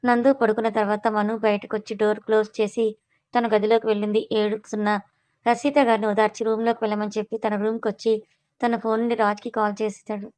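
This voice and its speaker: A woman reading a serial story aloud as the channel's storyteller, keeping a steady, even delivery. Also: medium pitch, no echo. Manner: quick, even reading with little rise and fall.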